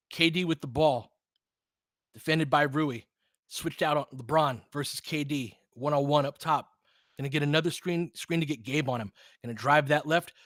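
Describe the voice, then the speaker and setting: In a fairly high, slightly bright voice, an American man does partisan, casual basketball play-by-play as host and fan commentator, speaking in short, colloquial present-tense phrases. The audio is studio quality with no echo.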